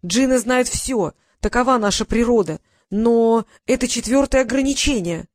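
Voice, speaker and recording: A woman's voice: a little high, moderate pace, lightly acted. A woman voicing a cunning, boastful male genie who turns flustered and wheedling, in an audiobook reading. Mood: explaining.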